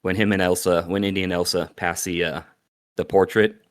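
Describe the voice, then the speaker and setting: A man's voice: sits low, level tone, a little fast. A man co-hosting a casual movie podcast, laughing often and retelling scenes with animation. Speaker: podcast co-host. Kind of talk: casual movie review chat.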